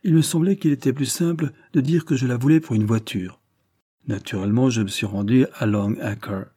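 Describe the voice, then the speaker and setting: A man voicing a blind gentleman detective who speaks softly, in a measured and quietly ironic way, in an audiobook reading. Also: mid-range voice, breathy edge, dry recording, studio quality, close to an everyday voice. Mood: explaining. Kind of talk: audiobook character voice.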